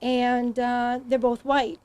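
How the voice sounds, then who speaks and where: A woman with a high voice speaks haltingly as a studio guest. She pauses often and fills gaps with ums. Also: level tone, darkish tone, clear, resonant tone. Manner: hesitant, halting, many ums. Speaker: talk show guest. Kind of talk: studio interview answers.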